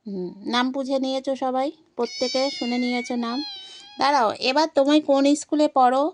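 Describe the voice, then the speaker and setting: A woman's voice: sits high, fairly even intonation, brisk, a little hiss or hum. A woman vlogger chatting playfully to her cats and to viewers, coaxing and teasing them. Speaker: pet vlogger. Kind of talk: casual chat to pets and viewers.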